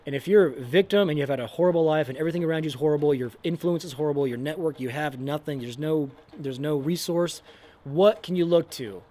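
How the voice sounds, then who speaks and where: Animated young man in casual talk. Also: on the high side, quick pace. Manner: animated, acts out quotes, says man and dude a lot. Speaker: podcast co-host. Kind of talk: casual faith and motivation chat.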